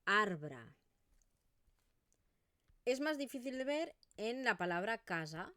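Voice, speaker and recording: A woman's voice: a little high, lively intonation, normal speed, no echo, clean studio sound. A woman with an Eastern Catalan accent teaching pronunciation in an online video lesson, modelling vowel sounds as she explains.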